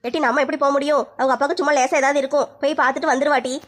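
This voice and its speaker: Sharp-tongued mother-in-law, fast and flat, played by a woman. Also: high-pitched, natural voice. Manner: rapid, blunt, scolding. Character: bickering middle-aged mother-in-law.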